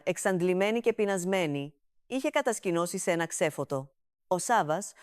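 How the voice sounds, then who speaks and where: Smooth-voiced woman narrating a comic story. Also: fairly low pitch, darkish tone, no room sound, studio quality.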